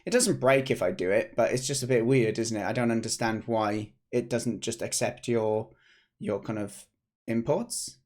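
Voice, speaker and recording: A British game developer in his thirties hosts a casual devlog stream from a desk mic in his home office, his voice slightly hoarse. He chats and rambles, often restarting his sentences. His mid-range voice has a darkish tone and moves at a normal speed.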